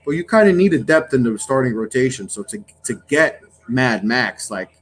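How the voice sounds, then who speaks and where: A man's voice: mid-range voice, lively intonation, normal speed, slight background noise. A man who runs a podcast network, chatting casually in a rambling way with many restarts. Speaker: network founder and guest.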